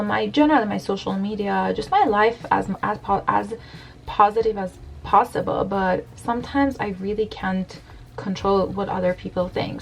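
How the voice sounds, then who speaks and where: This get-ready-with-me Q&A features a beauty blogger in her thirties from Iran, talking frankly with lots of fillers as she applies makeup in her bedroom. Her mid-range voice carries vocal fry, and the desk camera's audio is poor with slight background noise.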